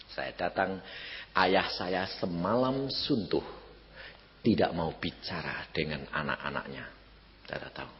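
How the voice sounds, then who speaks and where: A man's voice: deep voice, a little slow, long pauses. Dramatic male pastor in a reverberant hall. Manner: dramatic, swinging from shouts to near-whispers. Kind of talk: sermon with personal storytelling. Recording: reverberant hall, slightly dull sound.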